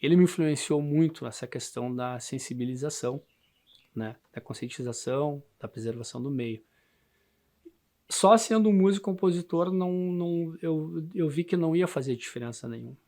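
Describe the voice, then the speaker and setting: A man with a southern Brazilian gaúcho accent, talking casually about himself in a halting way, often adding tag questions. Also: on the high side, mellow. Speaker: musician and handmade instrument builder. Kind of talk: casual interview monologue.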